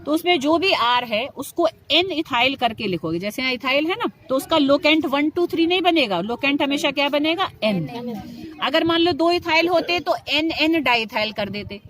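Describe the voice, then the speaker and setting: A woman's voice: high-pitched, expressive, normal speed, a bit bright. A woman teaching chemistry in speech, lecturing students in a classroom style, often asking them questions and answering them herself. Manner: addresses students affectionately, asks and answers her own questions.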